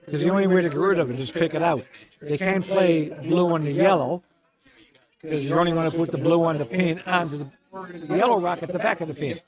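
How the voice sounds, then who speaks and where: A man's voice: fairly high pitch, fairly quick, crowd noise. A man giving expert analysis on a curling match in an easygoing, explanatory way. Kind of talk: sports commentary.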